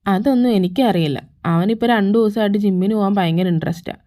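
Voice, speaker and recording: A woman voicing a middle-aged mother who scolds her grown son in a sharp-tongued way, in a fan fiction audio story. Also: medium pitch, fast, natural voice. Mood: scolding.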